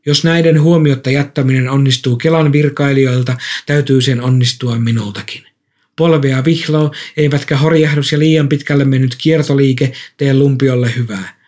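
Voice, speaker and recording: A man reading a first-person story aloud in a calm, measured way. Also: mid-range voice. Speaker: narrator.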